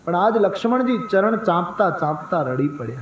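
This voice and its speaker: Man, emphatic katha storyteller, high pitch, echoey dull sound. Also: slight background noise. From Saurashtra, India. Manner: animated, emphatic, chants verses slowly. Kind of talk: devotional storytelling sermon. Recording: echoey, dull, faint ambience.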